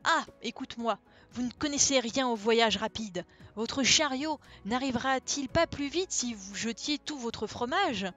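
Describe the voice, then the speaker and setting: A woman's voice: on the high side, lively intonation, measured pace, a bit bright, soft background music. A woman reading a fable aloud and voicing a boastful, envious male donkey in a smug, self-pitying tone.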